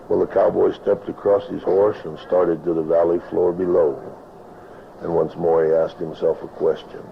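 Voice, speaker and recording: A man with an American West accent reciting cowboy poetry in a plainspoken, rhythmic rhyming way, with a gravelly voice. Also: low-pitched. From northern Arizona, United States. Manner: plainspoken, rhythmic rhyming delivery with folksy ranch grammar. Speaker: cowboy poet. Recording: dull lo-fi, steady background noise.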